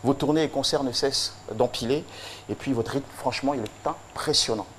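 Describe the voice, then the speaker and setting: A man presents a formal tribute, his delivery solemn and rhythmic, built on emphatic repetition. His voice sits at an ordinary middle pitch. Faint noise runs under the recording. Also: fairly quick. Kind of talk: declamatory tribute speech.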